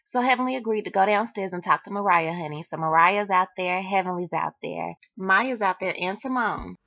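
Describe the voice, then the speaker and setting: A woman's voice: medium pitch, a little fast, vocal fry, sharp tone, no room sound. A woman hosting a reality TV recap in a sassy, chatty style, calling her viewers "honey.". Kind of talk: casual commentary. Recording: dull lo-fi, dry.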